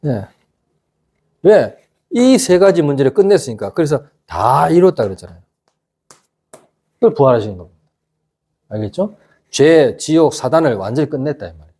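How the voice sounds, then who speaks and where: A middle-aged pastor preaching a casual youth sermon, constantly asking the congregation whether they agree. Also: male voice, on the high side, big pitch swings, moderate pace, long pauses, dark tone, breathy edge. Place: church youth service.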